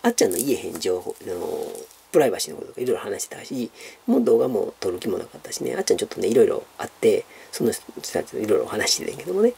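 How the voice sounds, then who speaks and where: A man with a Kansai accent rambles through viewer questions in a loose, chatty monologue. His voice is dark and gravelly with a raspy edge, and his pitch swings widely as he talks. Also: big pitch swings, rapid-fire. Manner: chatty, rambling, many fillers, calls himself by nickname. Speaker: YouTuber answering viewer questions. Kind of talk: casual Q&A monologue.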